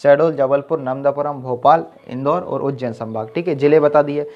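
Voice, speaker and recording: A man's voice: medium pitch, fairly quick. A man teaching an exam-prep lesson with memory tricks, who keeps saying "okay" and quizzes the listener as he goes. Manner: repeats "ठीक है" and quizzes the viewer. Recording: dull lo-fi sound.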